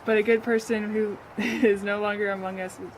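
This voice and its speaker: A woman playing a grieving friend of a slain queen, a sly orator who speaks haltingly, in an amateur play. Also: medium pitch, little pitch movement, slight background noise, close to an everyday voice, rough recording. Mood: mournful. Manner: halting, hesitant speech-making.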